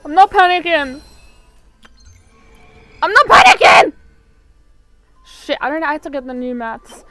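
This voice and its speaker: A young woman streaming a game live, muttering to herself and then shrieking in panic and excitement at the screen. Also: high voice, brisk, soft background music. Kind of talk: live gaming stream commentary.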